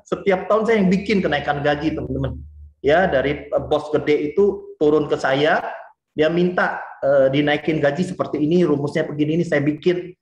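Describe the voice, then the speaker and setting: A man in his forties from Indonesia giving a lively, chatty motivational talk and speaking straight to his listeners. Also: a little high, reverberant. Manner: lively and chatty, often addresses the listeners directly.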